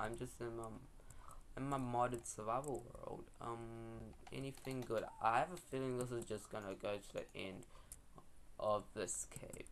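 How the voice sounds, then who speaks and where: A young man giving casual, rambling, slangy gameplay commentary as a video host. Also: mid-range voice.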